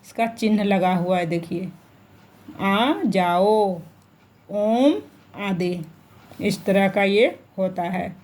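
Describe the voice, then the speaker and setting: A woman's voice: medium pitch, darkish tone. A woman teaching a grammar lesson to children, repeating each point and asking them questions as she goes. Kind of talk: online Hindi grammar lesson.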